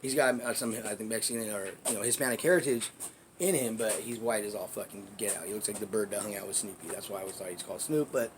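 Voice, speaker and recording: A man casually telling a story in a vlog, rambling and swearing, dropping to low asides and then bursting out loudly. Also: quick pace, a little hiss or hum. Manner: profane, rambling, loudness swings between low asides and emphatic bursts. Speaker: vlogger telling neighborhood stories.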